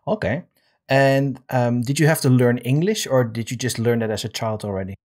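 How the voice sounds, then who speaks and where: European man in his thirties, host, slightly husky voice, laid-back with lots of ums, home studio desk mic. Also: mid-range voice. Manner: relaxed, many um fillers, drawn-out questions. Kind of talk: casual interview. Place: home studio room with guitars on wall. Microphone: large desk microphone with headphones.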